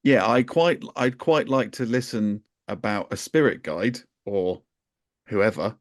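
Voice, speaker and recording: Rambling podcast co-host. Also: male voice, fairly low pitch, a little slow, no echo, clean studio sound. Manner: rambling, self-interrupting, chuckling. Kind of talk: casual podcast banter.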